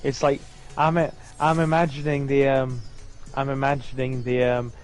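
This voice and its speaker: A man co-hosts a game stream, chatting casually and reading viewer comments aloud in a mid-pitched voice. Faint game music plays behind him. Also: level tone, normal speed. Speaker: co-host. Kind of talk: casual chat.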